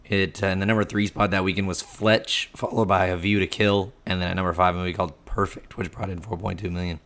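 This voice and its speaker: A man co-hosting a podcast, his voice hoarse and froggy from a cold, casually running through film facts in a halting, self-correcting way. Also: low-pitched, flat delivery, fairly bright tone. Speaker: podcast co-host.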